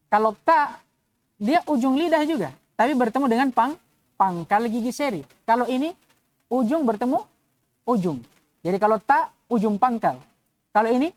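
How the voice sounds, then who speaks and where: A woman's voice: on the high side, a little mellow, no room sound. A woman teaching Quran recitation, sounding out letters again and again and checking that her students follow. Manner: drills letter sounds aloud, repeating each for students; checks understanding with short questions. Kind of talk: tajwid lesson.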